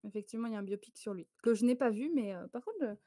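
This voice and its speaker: A woman from France runs a casual photo quiz for a live-stream audience. Her voice sits slightly high and sounds close and dry with no room behind it. She chats loosely, laughs often and keeps breaking off to greet viewers. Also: racing, dark tone, dry recording.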